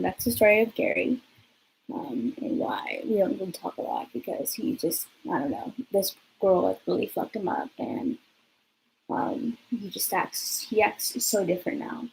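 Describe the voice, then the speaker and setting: A young Californian woman tells a rambling personal story in a casual vlog, chatty and packed with fillers and swearing. Her mid-range voice is gravelly and a little mellow. The recording is rough, with slight background noise.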